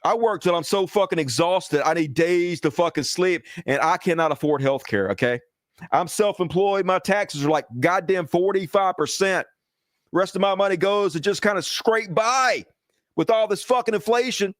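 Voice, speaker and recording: Profane political ranter, male, high-pitched, dry close sound. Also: moderate pace, no echo. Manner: profane, heated ranting, addresses viewers as folks. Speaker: political commentary host. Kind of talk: angry political commentary.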